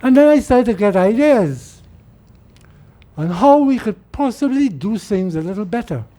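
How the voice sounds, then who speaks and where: A middle-aged Trinidadian man with a Trinidadian accent gives a rambling, informal political talk, repeating words as he restarts his sentences. His voice sits high and dark-toned, expressive, at a moderate pace.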